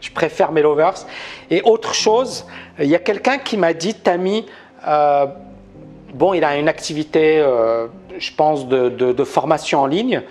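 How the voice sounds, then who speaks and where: A man teaching trading on a live stream, animated and emphatic, constantly asking viewers questions. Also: fairly high pitch, measured pace, faint music behind. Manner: talks to viewers, asks many questions. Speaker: trading educator. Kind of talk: live-stream market analysis.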